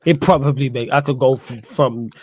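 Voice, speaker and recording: A man's voice: medium pitch, a little fast, husky, no room sound. A man joining a fan chat as a rival supporter, joking and easygoing. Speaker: guest fan. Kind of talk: casual football chat.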